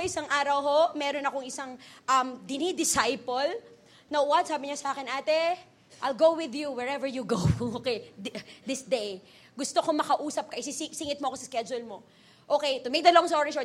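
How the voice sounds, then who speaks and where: A woman in her twenties preaching a sermon with energetic, animated delivery, telling stories with laughter and sudden loud bursts. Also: high voice, brisk. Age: 20s. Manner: storytelling with laughs and acted-out quotes.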